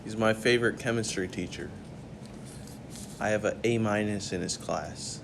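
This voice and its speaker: A young man being interviewed, giving deadpan answers. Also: fairly low pitch, moderate pace, gravelly. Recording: noisy room recording.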